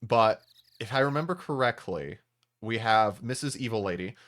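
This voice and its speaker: Casting: male streamer, lively swooping delivery, bright tone, loose and chatty, faint music behind. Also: on the low side, normal speed. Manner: animated, rambling, swears. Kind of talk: casual live-stream chat while voicing a game.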